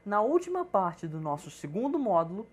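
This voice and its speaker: A woman, teaching English in a recorded video lesson with clear, instructive speech. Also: mid-range voice, sing-song, normal speed.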